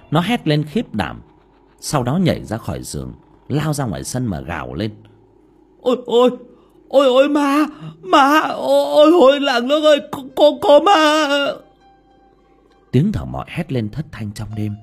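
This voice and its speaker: Brief: male audiobook narrator, dramatic and expressive, hugely animated intonation. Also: lowish voice, husky. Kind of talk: scripted horror story narration.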